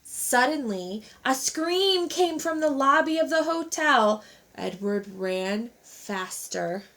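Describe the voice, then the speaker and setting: A teacher reading a children's storybook aloud with expressive, animated narration. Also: female voice, sits high, takes it slowly.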